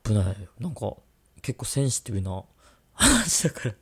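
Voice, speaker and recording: A man chatting casually as co-host of a radio-style podcast, joking and teasing as he talks. His voice moves up and down a lot, with a gravelly edge of fry at the ends of phrases. It sits at an ordinary male pitch. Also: huge pitch swings, normal speed.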